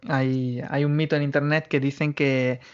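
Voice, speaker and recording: A man's voice: mid-range voice, flat delivery, moderate pace, smooth. A man, chatting casually and laughing often while telling anecdotes. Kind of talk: casual chat. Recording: dull lo-fi sound.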